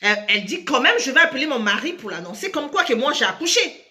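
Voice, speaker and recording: Woman telling a story casually, high bright voice, talks right to the listeners. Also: quick pace. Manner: lively, switching between French and another language, addressing listeners directly.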